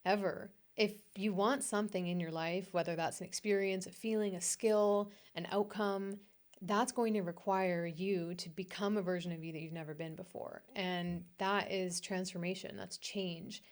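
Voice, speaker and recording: A woman in a casual conversation, speaking calmly about change and growth and adding short affirmations. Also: fairly low pitch, moderate pace. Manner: calm motivational talk with short affirmations.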